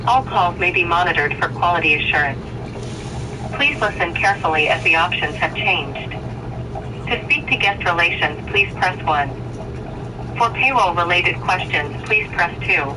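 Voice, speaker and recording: This is a recorded phone menu message delivered in a formal, measured tone. It sounds distant from the mic and carries a clear layer of noise. The prompts come out evenly paced and scripted. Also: medium pitch, expressive. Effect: recorded automated phone menu message. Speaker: automated phone system voice.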